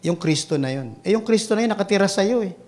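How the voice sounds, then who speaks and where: Filipino male preacher, fairly high voice, animated delivery with sudden quiet asides. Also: quick pace. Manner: animated preaching, swings between loud exclamations and hushed asides. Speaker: pastor. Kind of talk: sermon.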